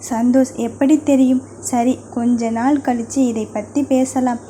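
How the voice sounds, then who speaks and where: A woman's voice: high-pitched, little pitch movement, measured pace, mellow, slight background noise. A woman reading as a stern older brother. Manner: blunt, curt replies. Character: stern, protective young man, an older brother. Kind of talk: audio novel reading.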